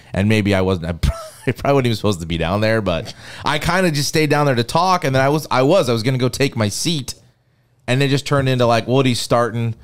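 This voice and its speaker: A man co-hosting a casual sports podcast, telling stories with excitement, swearing and laughing at himself. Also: fairly low pitch, clear, resonant tone. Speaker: podcast co-host.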